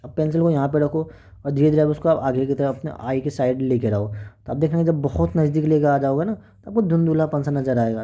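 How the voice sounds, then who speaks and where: A man's voice: medium pitch, mellow. A man teaching an exam-prep lesson, working through questions in a chatty, coaxing way and often checking with the class.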